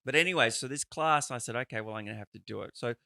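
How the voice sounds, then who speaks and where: A man hosts a podcast interview, his voice gravelly and forceful. He talks in a loose, rambling way, swearing casually. The sound is dry and close. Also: mid-range voice, rapid-fire, dry recording. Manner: chatty, rambling and peppered with swearing. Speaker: podcast host.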